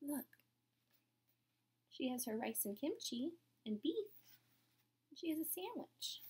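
At home in a small indoor room, a woman in her thirties reads a picture book aloud to children in a high voice at a slow pace. She's animated, adding dramatic emphasis, chatty asides and questions for the young listeners, and a slight hiss or hum is audible.

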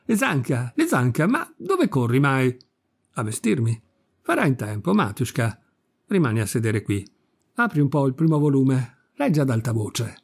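A man's voice: medium pitch, sing-song, normal speed, breathy edge. A man voicing a capricious, imperious old countess in an audiobook reading, peevish and scolding. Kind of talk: audiobook reading of a classic story.

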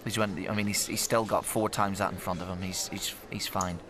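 A man's voice: sits low, brisk. Jokey male poker commentator. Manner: lively, jokey and emphatic. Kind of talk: live sports commentary. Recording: crowd noise in the venue. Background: crowd noise.

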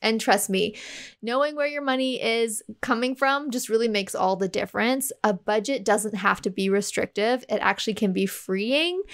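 A woman's voice: mid-range voice, creaky. A woman hosting her own podcast, talking casually and upbeat with small laughs between points. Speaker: podcast host. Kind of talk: casual solo podcast talk.

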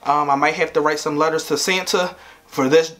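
A man's voice: fairly high pitch, steady tone, fairly quick, fairly bright tone. A young man in his twenties chatting playfully to camera at home, laughing often. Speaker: vlogger. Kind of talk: casual chat to camera.

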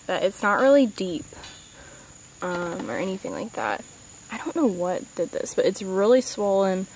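A Southern US woman with a medium-pitched voice narrates a casual vlog at an outdoor horse barn, chatty and full of "um" and "like," and slips into baby talk with her horse. The handheld camera recording is low quality, with a little hiss or hum.

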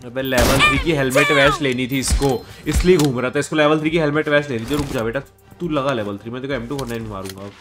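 A man's voice: mid-range voice, fast talker, hardly any pauses. A young man, sick with a cold and fever, giving casual gameplay commentary and scolding an enemy player. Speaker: gaming streamer. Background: game music and gunfire.

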